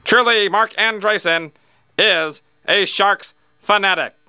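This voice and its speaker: A man's voice: high-pitched, takes it slowly, sharp tone, clear, resonant tone, no room sound, studio quality, exaggerated voice. A man playing a dramatic old-time newsreel announcer in a grand, announcing delivery. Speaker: amateur contest entrant. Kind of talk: mock newsreel narration.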